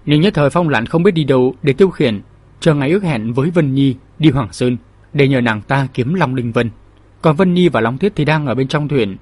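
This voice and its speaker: A man hosting his channel and narrating a martial-arts novel audiobook in a steady, measured storytelling manner. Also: medium pitch, husky, no room sound.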